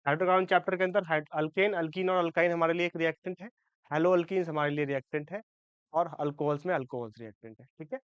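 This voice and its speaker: A man's voice: fairly high pitch, quick pace, smooth, no room sound, lo-fi sound. A man teaching a chemistry lecture for exam students. He checks in often with his class and corrects his own slips as he goes. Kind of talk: exam-prep lecture in Hindi-English mix.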